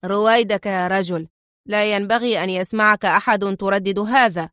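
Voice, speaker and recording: A woman's voice: medium pitch, fairly even intonation, moderate pace, a bit bright, dry recording, clean studio sound, lightly acted. A woman reading the lines of a tired, nervous male head of security in an audiobook, tense and urgent. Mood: hushing.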